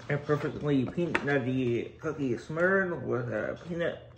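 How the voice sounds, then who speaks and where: A young man co-hosting a casual cookie review with his dad, speaking briefly in a low-key way and tripping over the description text. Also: expressive, unhurried, gravelly. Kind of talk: casual chat. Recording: echoey room, faint noise.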